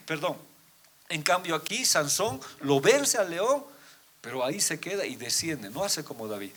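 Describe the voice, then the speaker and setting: A man preaching a sermon to his congregation, reading scripture aloud and asking rhetorical questions, swinging between loud emphatic peaks and quiet low drops. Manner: addresses listeners as brothers, asks rhetorical questions; reads scripture aloud, often slowing down. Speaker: pastor.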